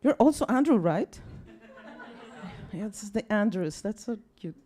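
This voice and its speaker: Speaking to a live crowd in a bar or event space, a young Mexican guest at a science talk night delivers a loose, self-mocking talk in Spanish-accented English, her second language. Her voice is mellow and medium-pitched, animated but measured in pace, and she comes across as tired, chatty, and apologetic, often using fillers and starting over.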